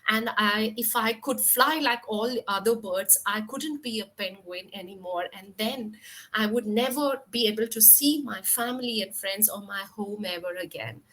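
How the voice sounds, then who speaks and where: A woman's voice: mid-range voice, moderate pace, a bit bright, close to an everyday voice, low-quality recording. A woman voicing a sad young male penguin who longs to fly, speaking earnestly in a told story. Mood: grateful. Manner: earnest, tearful pleading.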